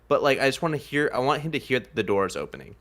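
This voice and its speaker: A man's voice: medium pitch, big pitch swings, very fast, a bit bright. A man playing a tabletop game, describing his moves hesitantly with many fillers. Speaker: player. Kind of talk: casual tabletop game talk.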